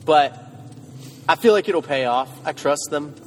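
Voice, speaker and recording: A man's voice: a little high, animated, unhurried, a little hiss or hum. A man co-hosting a podcast, chatting in a rambling way from inside a car. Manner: rambling, restarts sentences. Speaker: podcast co-host. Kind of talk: casual chat.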